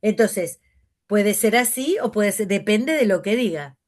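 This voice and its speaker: Slow Rioplatense woman teaching logic. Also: mid-range voice, lively intonation, a little mellow. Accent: Rioplatense Spanish. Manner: slow, explanatory, exaggerates pauses and stresses. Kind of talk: classroom lecture.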